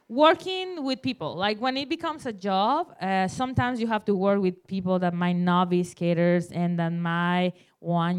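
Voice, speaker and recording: Clear-voiced woman with Spanglish-tinged English. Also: fairly low pitch. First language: Spanish. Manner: Spanglish, non-native English phrasing. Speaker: panel guest, skateboard photographer. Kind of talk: casual panel talk, telling anecdotes.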